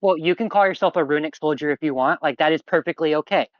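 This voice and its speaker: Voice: mid-range voice, fast, no room sound, highs cut off. A game master explaining options to a player in a casual, rambling way, with plenty of fillers. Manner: explanatory, chatty, lots of fillers. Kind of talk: running a tabletop game on stream.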